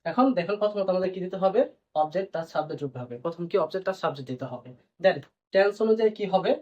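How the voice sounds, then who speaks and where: A man with a high voice races through a grammar lesson, repeating points and answering his own questions as he explains. The recording has a dull, lo-fi, band-limited sound.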